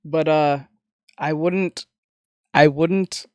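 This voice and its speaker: A man's voice: fairly high pitch, steady tone, drawn-out words, a little mellow, no room sound, clean studio sound. A man streaming casually as he reacts to a video, laughing often, swearing and talking over it.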